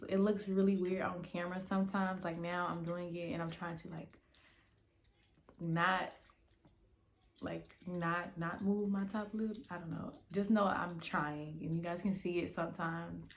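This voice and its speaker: A woman's voice: lowish voice, a little hiss or hum. A young adult woman hosting a casual, chatty vlog, rambling and emphatic, her speech slightly impeded by a dental retainer. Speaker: YouTube host and esthetician student.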